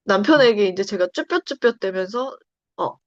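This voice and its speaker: Woman, pastor's wife, testimony, animated pitch, fairly high voice, dull dry recording. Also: moderate pace, no room sound. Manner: expressive storytelling, acts out quoted lines. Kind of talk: personal testimony conversation.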